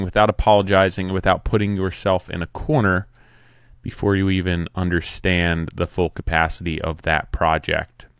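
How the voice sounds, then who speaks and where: A man's voice: sits low, smooth, dry recording, studio quality. A man in his forties hosting a solo podcast about his building trade, talking in a plainspoken, conversational way. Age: 40s. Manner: plainspoken, conversational, some restarts. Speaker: podcast host, home builder. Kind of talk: casual solo podcast talk.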